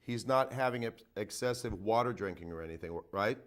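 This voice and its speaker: A man's voice: lowish voice, a little fast. A man hosting a call-in show as a veterinarian, giving casual advice with lots of fillers and "okay?" check-ins. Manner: folksy, repeats himself, frequent "okay?" and "uh". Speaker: veterinarian radio host taking calls. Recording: phone-in radio.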